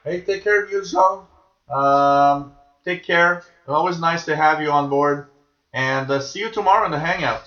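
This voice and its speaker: Male radio-tuning host, slightly high bright voice, casual musing commentary, roomy dull recording. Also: normal speed, soft background music. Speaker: host of a live shortwave radio tuning stream. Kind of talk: casual live commentary, reading out listener signal reports. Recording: dull, echoey room sound.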